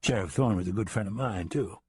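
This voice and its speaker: A man doing a calm, steady ranger. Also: on the low side, fairly quick, husky, no echo, clean studio sound. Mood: calm, firm. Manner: calm, firm.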